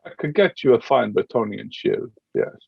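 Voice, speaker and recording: A man playing a weary, hesitant soldier in improvised tabletop role-play, halting as he gropes for words in a gravelly, husky voice. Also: on the low side, dry recording, heavily acted. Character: weary, hesitant, disillusioned male Bretonnian soldier. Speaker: game master. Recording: dull, lo-fi close audio.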